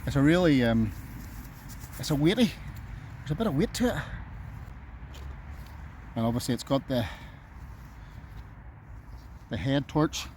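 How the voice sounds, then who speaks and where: A man's voice: medium pitch, big pitch swings, measured pace, pauses often, darkish tone. Man chatting casually outdoors over road noise. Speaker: camping vlogger. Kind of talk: casual outdoor vlog talk to camera. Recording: clear outdoor background noise, nearby road.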